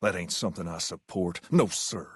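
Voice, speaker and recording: An actor playing an easygoing, self-assured gang leader styled as a rock-and-roll king in a video game, with folksy, colloquial, measured delivery. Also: sits low, slightly rough, no echo, studio quality. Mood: cool, assured. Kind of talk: scripted game character dialogue.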